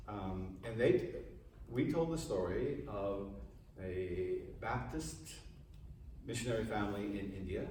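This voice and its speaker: A man's voice: lowish voice, a little mellow. Male priest, informal class lecture, asks the room questions, distant mic, big echo, faint hiss. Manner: conversational, quizzes the audience. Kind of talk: informal lecture to a parish group. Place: large room with a live audience.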